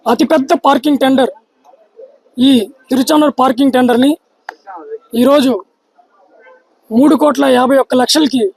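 A man's voice: very high-pitched, vocal fry, a little mellow, breathy edge, low-quality recording. A man giving a political thank-you statement to reporters as a party supporter. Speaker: winning bidder and party supporter.

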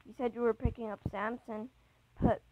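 A woman's voice: fairly high pitch, flat delivery, normal speed, narrow, tinny audio, background noise, close to an everyday voice. A woman reading a chat story aloud, voicing a worried young woman who keeps pressing her boyfriend with questions.

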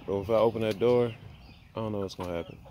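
The speaker talks fast in a warm, fairly low voice with fairly even intonation as he shows off his homestead outdoors. It's a casual vlog shot on a handheld phone near the chicken coops, loaded with fillers as he thinks aloud, with a little hiss or hum.

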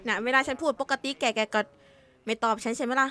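A woman's voice: a little high, steady tone, quick pace, bright, forceful tone. A woman chatting bluntly and teasingly while playing an online roleplay game, swearing freely. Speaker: roleplay gamer. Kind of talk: casual game chat.

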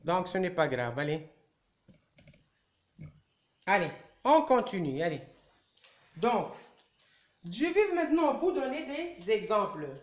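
With a lively pitch and an unhurried, patient manner, a man who teaches French at primary school coaxes pupils during a live online class, prompting them again and again with "allez." He stands at a chalkboard indoors, and the recording carries a roomy echo.

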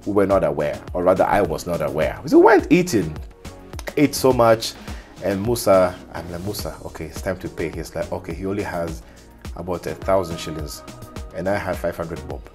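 Over a faint bed of music, a low-voiced man appears as a podcast guest, sharing lively personal stories at a normal pace. He is a cyber security specialist originally from Ghana with many years in Kenya, and he dramatizes conversations and laughs mid-sentence.

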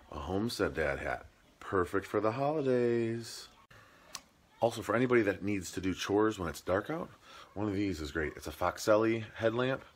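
Deep-voiced, chatty Midwestern vlogger man. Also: slight background noise. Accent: Midwestern American. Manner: chatty and jokey, with plain product talk. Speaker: homestead vlogger. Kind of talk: casual gift-list vlog. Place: home rooms and a garage, indoors. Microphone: handheld camera at arm's length.

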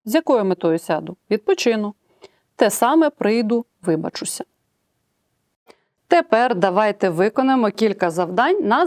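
Woman teacher, mid-pitched, clear and methodical, dry close recording. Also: a little mellow, no echo. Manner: clear, measured explaining, reads examples aloud and breaks them down. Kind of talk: recorded grammar lesson.

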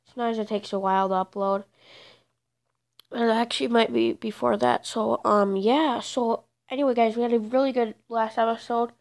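A congested, stuffed-up woman hosts a gaming channel, rambling hesitantly through game commentary packed with fillers while loud background noise fills the recording. Her voice is on the high side, with a steady tone, moderate pace, and vocal fry.

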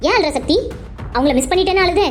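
A sharp-tongued young woman in a family cartoon, voiced by a woman confronts and teases her friend with probing questions. Her voice is very high and quick. Faint music runs behind her. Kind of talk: cartoon voice acting.

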